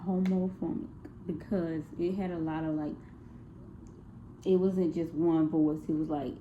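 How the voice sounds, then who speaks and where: A young woman talks through a class music project in a low voice. She hesitates, fills gaps with "um" and "like," and keeps correcting herself. The recording is tinny and phone-like, with a faint hiss underneath. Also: mellow. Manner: hesitant, many fillers and self-corrections. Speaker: student presenting a music project. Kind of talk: casual spoken class presentation.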